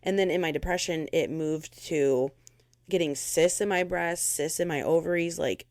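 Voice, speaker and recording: A woman's voice: low voice, moderate pace, a little mellow, no echo, studio quality. An American woman hosting her own podcast from her bedroom, venting bluntly and swearing freely in a casual monologue. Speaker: podcast host.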